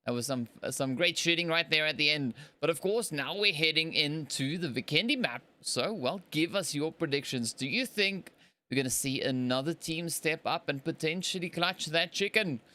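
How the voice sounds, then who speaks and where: Solo on a live stream, this man from Africa commentates a mobile battle royale tournament in a fairly high, bright, pushed voice at a moderate, animated pace. His talk rambles along with plenty of fillers, and he chuckles whenever he slips up.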